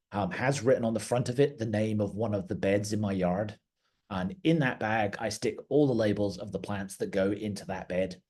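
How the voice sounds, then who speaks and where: Middle-aged man, garden director, low husky voice, casual teaching tone. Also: a little mellow. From outside the United States. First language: English. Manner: conversational, plain-spoken, occasional fillers and restarts. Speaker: garden director giving a talk. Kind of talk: educational talk.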